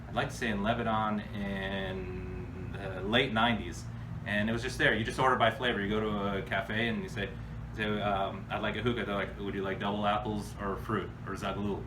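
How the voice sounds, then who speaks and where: This lowish-voiced American man answers viewer questions at a moderate pace with a flat delivery. His informal, spontaneous chat leans blunt and slangy. Background noise is plain to hear on the far-placed mic.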